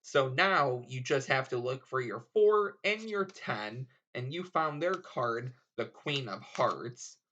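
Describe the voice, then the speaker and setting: Male tutorial presenter, mid-pitched, slow-paced and informal, explaining step by step. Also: expressive, pushed and bright, highs cut off. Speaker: card trick tutorial presenter. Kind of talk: casual instructional tutorial.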